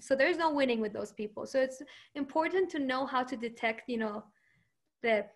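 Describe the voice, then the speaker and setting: With a high voice and an upbeat, confident manner, a woman answers interview questions, laughing often. Persian is her first language.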